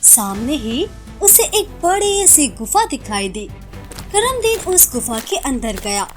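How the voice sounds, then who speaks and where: Brief: dramatic female story narrator, bright animated delivery. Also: high voice, slow, faint music behind.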